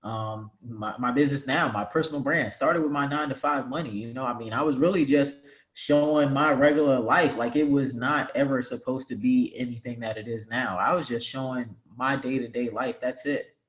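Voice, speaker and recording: A man in his twenties talking casually as an interview guest, relaxed and rambling with lots of "like" and "right?". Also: mid-range voice, normal speed. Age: 20s. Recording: roomy, echoey room sound.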